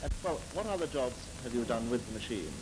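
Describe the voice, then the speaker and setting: A British man in an old newsreel interview, asking polite, measured questions. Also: medium pitch, very animated. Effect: old newsreel sound. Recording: hissy 1950s newsreel soundtrack.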